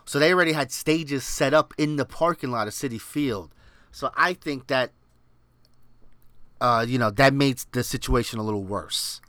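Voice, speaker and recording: A man's voice: medium pitch, normal speed, fairly bright tone, no room sound. A man from Queens with a New York Queens accent, co-hosting a podcast and telling stories in casual chat. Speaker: podcast co-host. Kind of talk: casual chat, animated storytelling.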